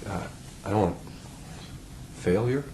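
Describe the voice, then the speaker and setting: Deep-voiced, halting husband acted by a man. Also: dark tone, a little hiss or hum, poor audio. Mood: earnest, halting. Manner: halting, fumbling for words. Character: earnest, reassuring husband in couples therapy. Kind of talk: therapy role play.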